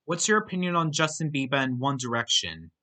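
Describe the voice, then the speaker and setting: A man's voice: mid-range voice, big pitch swings, fairly quick, pushed and bright. A young man hosts a casual Q&A. He reads out viewer questions and gives short, plain answers. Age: young adult. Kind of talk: casual Q&A monologue.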